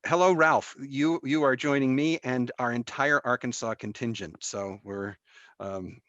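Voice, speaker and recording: A man hosting and presenting informally to a small group, often halting as he searches for his words. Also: medium pitch, fairly bright tone, dry recording, muffled recording. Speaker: session host and presenter.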